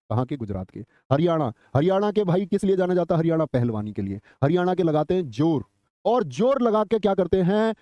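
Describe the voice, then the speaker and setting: Man, online exam teacher, mellow tone, dull dry recording, teasing and scolding. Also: on the high side, no echo. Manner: scolding then joking, calls students brother. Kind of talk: live online class with mnemonics.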